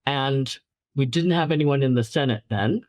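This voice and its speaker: A guest filmmaker from New York City, whose first language was Chinese, tells stories in a casual interview with a bass voice at normal speed. She is a warm storyteller who repeats words for emphasis and laughs lightly. There is no room sound.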